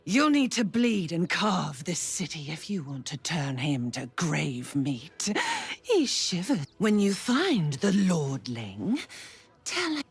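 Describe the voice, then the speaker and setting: An actress playing a sinister, sneering, bloodthirsty female villain in a video game, with drawn-out menace. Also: medium pitch, heavily acted. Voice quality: breathy, rasping. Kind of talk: video game character acting.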